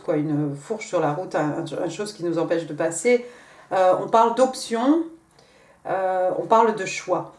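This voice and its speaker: Brief: woman tarot reader, halting and chatty, a bit off the mic in a roomy room. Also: fairly low pitch, darkish tone, far from the mic. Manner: hesitant, many fillers and restarts. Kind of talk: casual tarot reading. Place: room at home.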